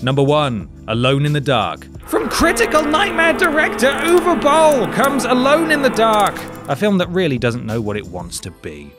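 A man with a British accent, acting as a video host narrator, reads a scripted countdown in a sardonic, mock-dramatic style with dry asides. His high voice is very animated, moving at a moderate pace with few pauses, in a voice-over with music behind it.

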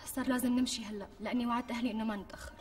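A woman plays a pampered young pregnant wife with a Damascene accent, always pressing for more. Her voice sits high and races along. It sounds taken from some distance, with faint music underneath. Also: steady tone, darkish tone, close to an everyday voice. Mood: coaxing. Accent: Syrian, Damascene. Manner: wheedling, quick to take offence. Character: pampered young pregnant bride, demanding and coaxing. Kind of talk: TV sketch acting.

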